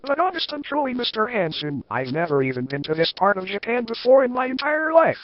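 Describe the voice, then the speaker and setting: A shrill, fretful young guy whose voice leaps all over the place. He sounds whiny and rattled. The sound is dull and dry, like a lo-fi home recording. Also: sing-song, a little fast, no echo. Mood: panicky. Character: panicky young man, high voice.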